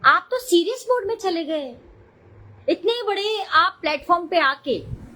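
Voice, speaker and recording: A woman's voice: very high-pitched, animated, measured pace, pushed and bright, poor audio. A middle-aged woman chatting casually on a live stream, talking defensively and greeting viewers mid-talk.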